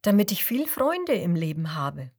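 A woman voicing a big, earnest crocodile in a children's storybook, speaking slowly in a slightly lowered voice. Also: very animated, darkish tone, no echo, clean studio sound. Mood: thoughtful. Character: big crocodile, slow, earnest, turning friendly.

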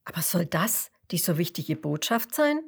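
A woman's voice: fairly low pitch, sing-song, moderate pace, gravelly, husky, heavily acted. A woman voicing a young female hippo who believes she is a horse, speaking plaintively and often half-whispered, in a storybook read-aloud. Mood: puzzled.

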